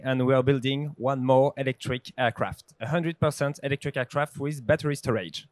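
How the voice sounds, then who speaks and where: A man, giving an upbeat startup pitch into a handheld mic at an exhibition. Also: dry recording. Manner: upbeat, promotional, with filler "uh"s. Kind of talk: short stage pitch. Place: exhibition stage in a large hall.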